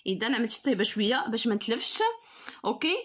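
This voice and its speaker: Fast-talking Moroccan woman teaching. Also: fairly high pitch, lively intonation, fairly bright tone, breathy edge. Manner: explaining step by step, reading French words slowly. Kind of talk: online school lesson.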